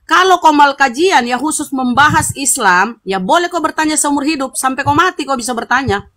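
A woman's voice: sits high, expressive, a little fast, fairly bright tone. A woman hosting an online interfaith debate, lecturing and scolding her opponent, repeating herself for emphasis. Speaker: host of an interfaith debate room.

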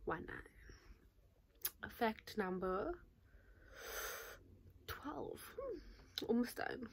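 Whispering in a fairly high, creaky voice and speaking very slowly, a nineteen-year-old YouTuber chats animatedly to camera in a casual vlog. She gestures a lot and fills her speech with "like." The phone or camera is at arm's length in her small bedroom, a patterned curtain behind her.

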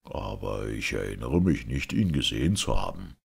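A man voicing a stern, just caliph in a fairy-tale reading, speaking low and measured. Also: big pitch swings, gravelly, breathy edge, exaggerated voice. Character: stern, just male caliph, grave authority.

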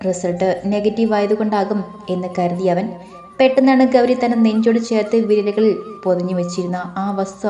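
A woman narrating a romance audiobook in a calm storytelling manner. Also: mid-range voice. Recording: echoey room, faint music.

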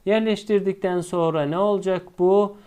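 A male teacher explaining a lesson step by step, asking himself questions and answering them, and drawing out the key words slowly. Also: sits high, steady tone, mellow, clean tone.

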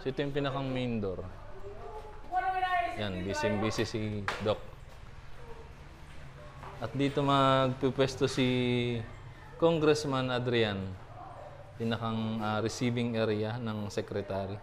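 A man in his thirties chatting casually through a walking tour of a small building, with many fillers and pauses, filmed on a handheld phone. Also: mid-range voice, steady tone, slight background noise. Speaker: vlogger giving a tour. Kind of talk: casual vlog tour narration. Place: small empty building, indoors and street. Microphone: phone camera held at arm's length.

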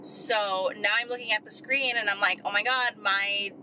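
Speaking at a normal speed with a steady tone, a woman with a mid-range, pushed and bright voice rambles casually to her camera with lots of fillers; she is a Singaporean photographer and vlogger in her twenties. The poor audio has a little hiss or hum, captured by a camera-mounted mic held close or on a tripod as she moves from a car through a small office to a room at home.

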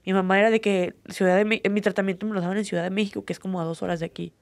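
A woman's voice: medium pitch, fairly even intonation, rapid-fire, no room sound. A young woman with a Mexican accent, an MMA fighter telling her story earnestly in an interview, with many fillers. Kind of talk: candid personal interview.

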